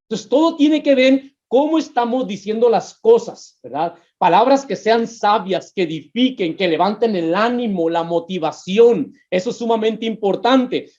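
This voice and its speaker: A man's voice: sits high, a little mellow. A male pastor preaching a sermon on relationships, with emphatic rises and drops, addressing the listeners as brothers. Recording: dull muffled sound.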